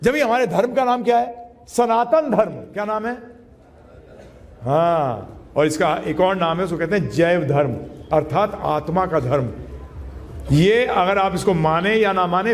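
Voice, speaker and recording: Male spiritual teacher, fairly high voice, emphatic, keeps quizzing his class, long hall echo. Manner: emphatic, quizzes listeners with questions; mixes English phrases into his talk. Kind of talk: Gita lecture to a live class.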